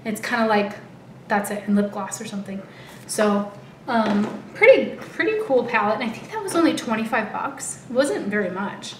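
A woman's voice: on the high side, expressive, normal speed. An American woman in her thirties, a little out of breath, chatting casually to camera as a beauty vlogger in an informal way. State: out of breath, heavily pregnant. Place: living room at home, indoors. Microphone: camera a short distance away. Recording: roomy echo, light background noise.

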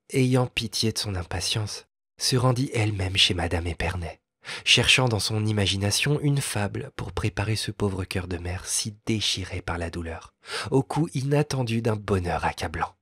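A man narrating a classic fairy tale as an audiobook, with a measured, expressive reading. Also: fairly low pitch, husky, no room sound, studio quality. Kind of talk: storybook narration.

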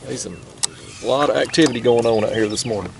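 A man's voice: mid-range voice, fast talker, creaky. A young man, talking casually to camera from a kayak on a foggy river, easygoing and chatty. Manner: easygoing, chatty, drawls "y'all" and "ain't". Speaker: fishing vlogger. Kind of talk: casual talk to camera while fishing. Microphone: action camera mounted on the kayak. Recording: faint outdoor river noise.

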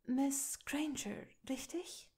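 A woman voicing a gentle, earnest noblewoman and mother in a fan fiction audiobook, pleading softly. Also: sits high, extremely slow, voice pushed up, exaggerated voice. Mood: friendly.

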